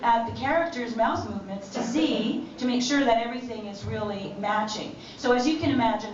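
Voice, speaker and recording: A woman on a convention panel, explaining quickly and joking with the audience. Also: a little high. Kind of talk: panel talk. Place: large convention hall. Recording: muffled, echoey hall from far off with crowd noise.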